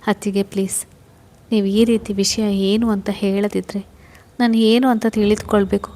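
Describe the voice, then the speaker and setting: A woman narrator voicing a concerned young man who gently but firmly questions his sister-in-law. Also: mid-range voice, level tone, moderate pace, natural voice. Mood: pleading. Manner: soothing, insistent questioning.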